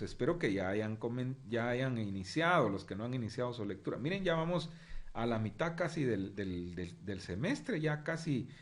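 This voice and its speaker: Animated middle-aged male lecturer. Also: mid-range voice. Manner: animated, frequent tag questions and fillers. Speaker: university journalism lecturer. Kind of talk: online class lecture.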